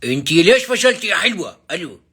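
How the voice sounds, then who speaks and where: A man's voice: high voice, big pitch swings, fast talker, pushed and bright, husky. A man with a Levantine Arabic accent on a casual prank call, stammering evasively and repeating himself.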